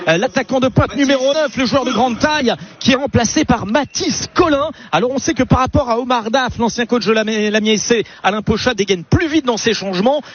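A man doing play-by-play radio football commentary in a brisk, descriptive way, with frequent hesitations. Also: extremely high pitch, slightly rough. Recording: lo-fi radio broadcast with faint noise.

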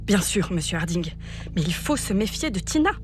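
A woman's voice: medium pitch, very animated, moderate pace, soft background music, natural voice. An actress playing a scheming, obsequious female thief in an audio drama, fawning and theatrical. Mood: scheming, deferential. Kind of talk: scripted audio drama acting.

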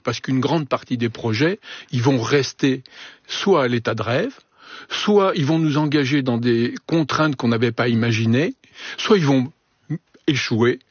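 A man's voice: medium pitch, a little slow, husky, dry recording. A man guesting on a talk discussion, explaining his ideas thoughtfully with frequent hesitations. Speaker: journalist guest. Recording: slightly dull, muffled sound.

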